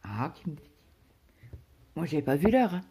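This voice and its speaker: A woman's voice: deep voice, big pitch swings, a little slow, dark tone, husky. A woman chatting casually to her viewers about her day, rambling, with many fillers and restarts. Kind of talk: casual personal chat to viewers.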